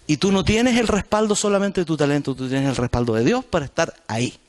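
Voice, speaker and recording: A man's voice: fairly high pitch, quick pace. A man with a Chilean Spanish accent preaching a sermon in a church, talking directly to the congregation in a conversational way. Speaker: pastor.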